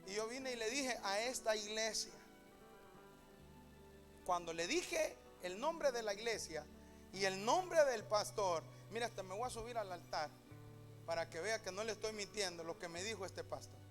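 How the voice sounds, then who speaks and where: A male pastor preaching a sermon in a church, telling a story and rising to shouts and half-sung lines. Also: sits high, expressive, moderate pace, faint music behind. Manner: shouting and half-singing at climaxes, retelling a story with quoted voices.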